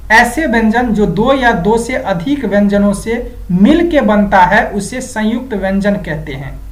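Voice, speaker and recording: Slow, methodical woman teacher, echoey room. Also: a little high. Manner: slow, methodical, repeats key items. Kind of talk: exam-prep grammar lesson.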